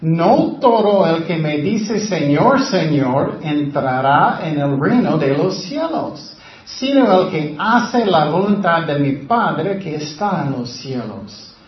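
A man preaching a sermon in Spanish with passion, speaking loudly and swinging between sudden rises and drops, his phrasing slightly broken. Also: on the high side, very animated, takes it slowly, few pauses. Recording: roomy, slightly dull sound.

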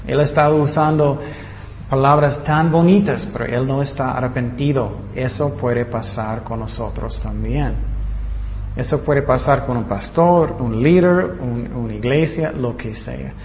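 Pastor guy preaching real slow, asks the crowd questions, muffled church recording. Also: mid-range voice, slight background noise. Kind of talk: sermon. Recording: muffled reverberant hall.

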